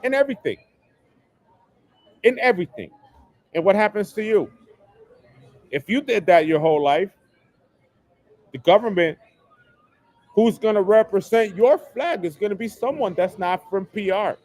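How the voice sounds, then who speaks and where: A man hosting a solo livestream from his New York home rants emphatically, hammering away at the same phrases. His high, slightly mellow voice has lively intonation, and he moves at a moderate pace with frequent pauses. No echo is heard.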